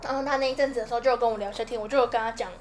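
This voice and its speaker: A young woman with a Taiwanese Mandarin accent, chatting quickly and casually as a podcast co-host. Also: a little high, steady tone, a little hiss or hum. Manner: quick, chatty, laughs along. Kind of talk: casual chat.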